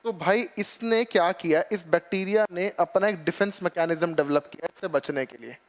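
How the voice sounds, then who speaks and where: A man's voice: high-pitched, normal speed. A man teaching biology in an exam-prep lecture, explaining step by step and checking often that students follow. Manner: calls students "children" and "beta ji".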